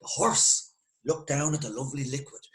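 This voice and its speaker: A man with an Irish accent telling a folk tale in a lively, conversational way with dramatic pauses. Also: mid-range voice, a little hiss or hum, rough recording. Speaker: storyteller. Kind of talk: spoken folk tale narration.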